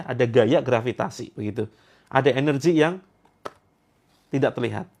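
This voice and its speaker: A slightly hoarse man leading a live-streamed ruqyah session. He jokes with viewers, then guides them through a slow, solemn prayer they repeat after him. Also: fairly high pitch. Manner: relaxed and joking in talk, slow and solemn in prayer. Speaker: ruqyah leader.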